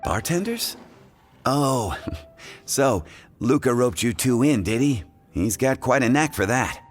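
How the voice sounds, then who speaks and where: An actor performs game cutscene dialogue as a friendly grown-up bartender who teaches his craft's fundamentals, chuckling as he instructs. His medium-pitched voice is sing-song and slow, with faint music in the background.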